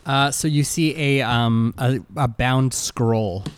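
A man's voice: mid-range voice, slow, clean tone. Hesitant man narrating a tabletop game. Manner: hesitant, filler-heavy describing. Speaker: game master.

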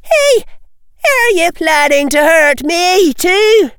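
A very high, trembling schoolgirl's voice, as a male reader puts her on, terrified but trying to sound defiant. She speaks slowly, in a dry, close sound. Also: sing-song, fairly bright tone, no room sound, exaggerated voice. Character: terrified young schoolgirl putting on a brave front.

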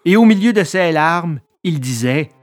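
A woman narrating a storybook reading in an expressive, animated way. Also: fairly low pitch, measured pace, faint music behind.

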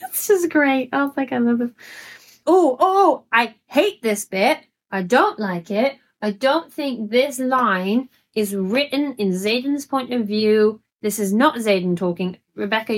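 A woman co-hosting a casual book podcast, animated and laughing often as she acts out lines. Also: a little high, measured pace. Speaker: podcast co-host.

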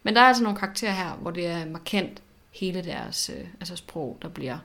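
A woman co-hosting a podcast in casual chat, animated and reflective, often repeating words as she thinks. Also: lowish voice, creaky. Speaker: podcast co-host.

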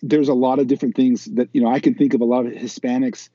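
Very dark-voiced man, thoughtful podcast guest. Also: medium pitch, little pitch movement, fast, dry recording. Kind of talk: casual podcast chat. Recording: dry, dull lo-fi audio.

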